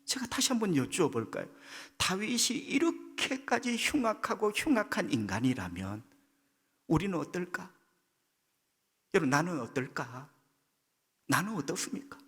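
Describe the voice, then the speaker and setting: A male pastor with a Gyeongsang accent preaching a sermon, leaping in pitch as he acts out quoted voices. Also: very animated, moderate pace, long pauses, fairly bright tone, breathy edge. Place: church sanctuary. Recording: long church hall reverb.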